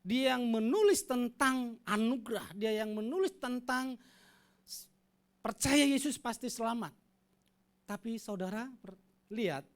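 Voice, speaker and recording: Emphatic, conversational preacher, a man. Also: high voice. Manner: conversational, emphatic preaching, leading the congregation in reading. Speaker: pastor. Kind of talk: sermon. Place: church service with congregation.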